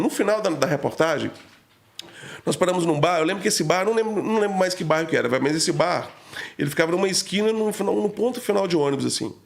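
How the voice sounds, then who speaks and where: A man's voice: on the high side, creaky. A man talking as a podcast guest, telling an emotional story in a slangy, casual way full of fillers.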